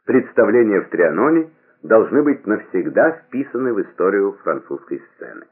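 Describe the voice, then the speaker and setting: A man narrating a novel as an audiobook in an expressive, theatrical way, on a narrow, lo-fi recording. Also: lowish voice, normal speed, husky.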